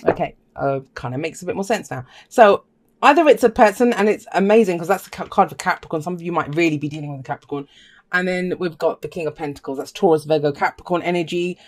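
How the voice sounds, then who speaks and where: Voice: medium pitch, fast. A tarot reader talking casually and enthusiastically to viewers, with chatty asides and emphatic repetition.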